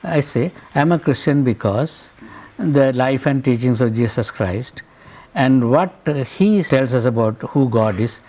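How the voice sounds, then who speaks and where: In a classroom, an older professor from Sri Lanka mixes lecturing with reflections on his life. His Sri Lankan-accented voice is medium-pitched, expressive and mellow, and he speaks earnestly in measured phrases, pausing often.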